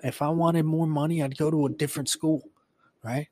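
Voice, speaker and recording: A man's voice: on the high side, fairly even intonation, moderate pace, dark tone, no room sound. A man in his late twenties hosting a solo podcast, reflecting casually in a rambling way with lots of fillers and swearing. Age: 20s. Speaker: podcast host.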